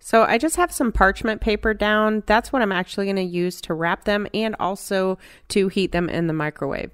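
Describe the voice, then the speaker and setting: A middle-aged woman narrating her home cooking step by step in a relaxed, chatty way. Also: medium pitch, smooth. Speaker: cooking channel host.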